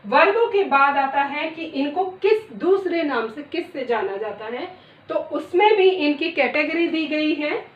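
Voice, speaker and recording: A middle-aged woman teaching a lesson, reciting letters one by one in a deliberate way. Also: high voice, expressive. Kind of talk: classroom lesson. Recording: echoey room, distant dull mic.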